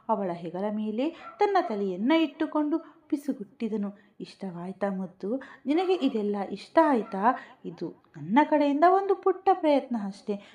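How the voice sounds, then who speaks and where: A woman narrating a family story in a soft, tender scripted style. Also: medium pitch. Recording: dull lo-fi audio.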